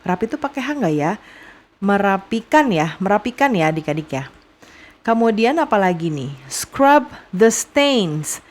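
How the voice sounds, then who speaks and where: A young woman with an Indonesian accent runs a vocabulary lesson for young students. She speaks at an unhurried, deliberate pace in a mid-pitched voice, repeating each phrase patiently. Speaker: English teacher.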